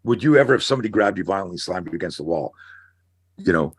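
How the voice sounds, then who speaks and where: A middle-aged man on a podcast, an animated storyteller who acts out scenarios as he talks. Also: low voice, fast, breathy edge. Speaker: guest, self-defense instructor. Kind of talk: casual podcast conversation.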